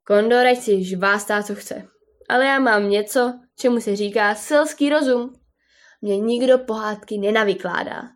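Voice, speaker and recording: A woman voicing a boisterous, scornful male bear in a storybook reading, scoffing and mocking. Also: lightly acted. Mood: sneering. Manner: booming laughter, scoffing.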